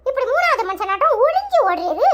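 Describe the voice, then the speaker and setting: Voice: very high-pitched, sing-song, brisk, background noise. A performer voicing a brash, defiant young village man in a cartoon comedy, with a Tirunelveli Tamil accent and a taunting manner. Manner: taunting, jeering.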